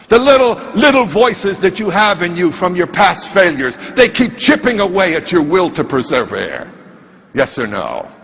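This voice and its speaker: Older male motivational speaker, bright and pushy, rhetorical questions, reverberant hall. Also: sits high. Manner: preachy, rhetorical questions to the audience. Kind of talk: motivational stage speech. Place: stage in a large hall.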